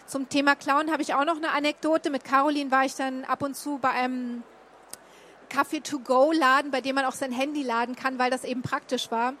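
Woman from Berlin, high voice, chatty, many fillers, faint noise behind. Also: flat delivery, a little fast, a bit bright. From Berlin, Germany. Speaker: guest telling of a stay in Japan. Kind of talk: casual talk showing slides.

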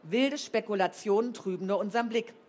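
A woman's voice: medium pitch, brisk, darkish tone, pitched above the performer's own voice, lightly acted. A woman reading a storybook, voicing a stern, middle-aged headmistress who speaks curtly and with command. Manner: curt and commanding.

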